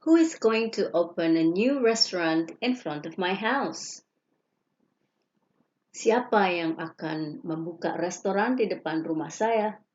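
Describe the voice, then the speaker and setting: A woman teacher reads example sentences aloud at an unhurried, deliberate pace. The recording sounds dull and lo-fi. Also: on the low side, animated, a little mellow. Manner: slow, careful reading, each English sentence followed by its Indonesian translation. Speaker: English teacher. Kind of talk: reading example sentences slowly.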